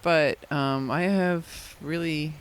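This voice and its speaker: A woman's voice: deep voice, steady tone, slow pace, a little hiss or hum, low-quality recording. A woman co-hosting a podcast in casual chat, laughing easily and making self-deprecating jokes. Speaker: podcast co-host.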